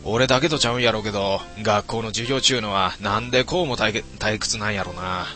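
Man reading as a shy teenage cat-boy, Kansai accent, flustered stammering monologue, lowish bright voice. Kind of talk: visual novel voice reading.

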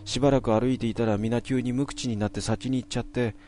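A man voicing a frightened young schoolgirl, tearful and rushing through her words in a shaky, pleading way. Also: medium pitch, fairly even intonation, warm tone, soft background music, lightly acted.

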